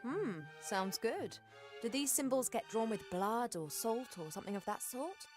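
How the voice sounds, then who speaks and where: A woman playing a dry, self-possessed adventurer in a game, musing aloud in a wry, measured way. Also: a little high, expressive, over music. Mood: skeptical. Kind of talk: acted adventure game dialogue.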